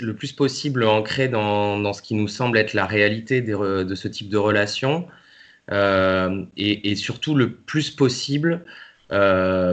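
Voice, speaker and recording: Low-voiced hesitant man. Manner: halting, many fillers and restarts. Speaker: interview guest, co-author of a novel. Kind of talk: hesitant conversational interview.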